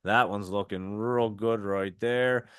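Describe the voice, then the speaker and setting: On his live trading stream, a stock host with a heavy New Jersey accent chats casually, reading viewer messages and ticker symbols while discussing picks. He speaks slowly in a lowish, steady, clean-toned voice, recorded in clean studio sound with no room noise.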